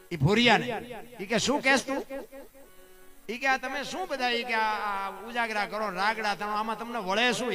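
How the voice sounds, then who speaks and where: A man with a Saurashtra Gujarati accent telling a folk tale to a live audience, acting out the characters and rising into loud, dramatic bursts. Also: high voice. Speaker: folk storyteller.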